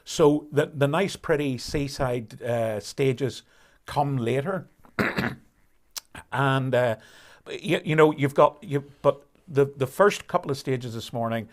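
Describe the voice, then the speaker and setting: This rally live-stream commentator is a man with a mid-range voice. He talks through the conditions steadily, with some fillers and restarts along the way.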